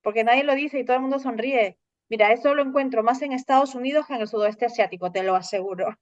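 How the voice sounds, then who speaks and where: Animated woman telling a story. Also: on the high side, fast, no room sound, dull audio. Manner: animated storytelling, acting out dialogue. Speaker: host. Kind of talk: casual conversation.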